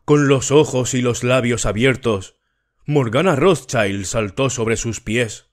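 A man reading a novel aloud as an audiobook narrator, slow and measured. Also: medium pitch. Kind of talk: scripted narration.

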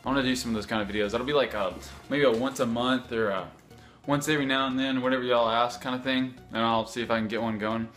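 A man's voice: medium pitch, steady tone, fast, a bit bright, soft background music. A young man chatting casually to camera as a vlogger, rambling with unsure asides. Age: young adult. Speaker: YouTube vlogger. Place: home kitchen.

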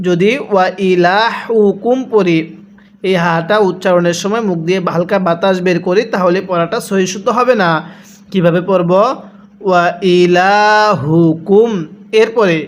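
High-voiced man teaching Quran reading. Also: steady tone. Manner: spells out syllables slowly, then explains quickly; asks the viewer and prompts them to repeat. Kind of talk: Quran recitation lesson.

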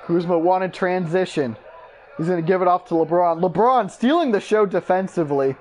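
High-voiced man calling basketball play-by-play. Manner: excitable, voice jumps up on big plays; brisk clipped call of each play. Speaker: YouTube gaming creator. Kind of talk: mock play-by-play basketball commentary.

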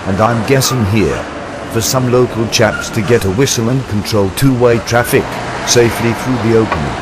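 A man's voice: medium pitch, background noise. An older man, narrating his travel video in a chatty, wry, self-deprecating way.

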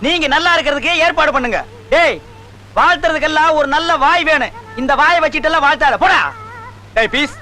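A man's voice: extremely high pitch, pushed and bright, faint music behind. An actor playing a bossy, bragging village exorcist in a Tamil film comedy, scolding and mocking his assistant. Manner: scolding, mocking, quick-tongued.

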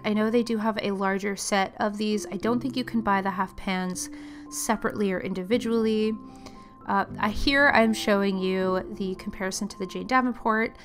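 A woman hosting an art vlog, slightly raspy while getting over a cold, chatting casually through a product review. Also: mid-range voice. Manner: chatty, meandering, with small laughs. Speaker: art channel host.

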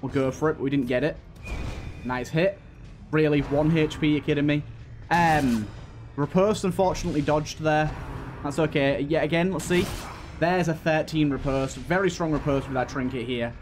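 Over game music, a man who hosts a gaming channel chats casually as he plays, talking through his strategy aloud. His voice is slightly high and his pace ordinary.

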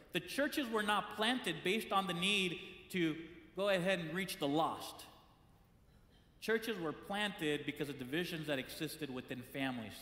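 A man's voice: fairly high pitch, a bit bright. A man preaching a conversational sermon in a church, acting out the complaints he quotes. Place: church sanctuary. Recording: echoey church hall with long reverb.

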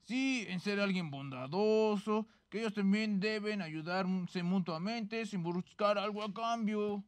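A man's voice: high-pitched, a little slow, no echo. A man voicing Alex, a friendly, thoughtful male lizard puppet. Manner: easygoing, reflective, gravelly.

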